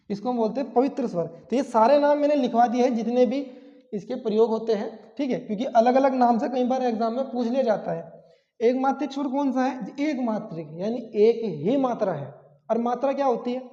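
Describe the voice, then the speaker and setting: A man's voice: very high-pitched, warm tone. A man teaching an exam-prep grammar lesson, repeating key terms and asking rhetorical questions. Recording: echoey, dull lo-fi classroom sound.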